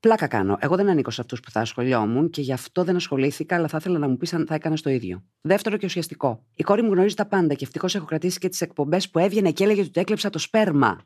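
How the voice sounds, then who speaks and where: A woman hosting a podcast, reading listener letters aloud in an outspoken, animated way with outbursts and exclamations. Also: low-pitched, few pauses, no echo, studio quality. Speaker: podcast host.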